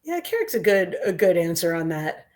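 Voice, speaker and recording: Woman in casual rapid-fire fan banter. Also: lowish voice, sing-song, darkish tone, a little hiss or hum. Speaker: co-host of a sports fan show.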